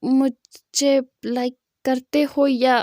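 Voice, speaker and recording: A woman's voice: high voice, flat delivery, very slow, dark tone, no echo, clean studio sound. A woman voicing a nervous young male boss who earnestly confesses his love in a storytelling video. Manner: hesitant, earnest.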